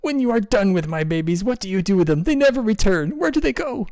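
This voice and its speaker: A man voicing an anxious female penguin queen who pleads and accuses in a high voice in a tabletop game. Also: lively intonation, quick pace, a little mellow, dry recording. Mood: pleading. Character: anxious female penguin queen, grieving her stolen young.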